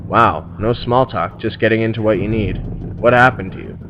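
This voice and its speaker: A man's voice: fairly low pitch, fairly even intonation, normal speed, lo-fi sound, background noise, close to an everyday voice. A man voicing a dry, teasing friend who works as a records clerk. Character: joking middle-aged male records clerk friend.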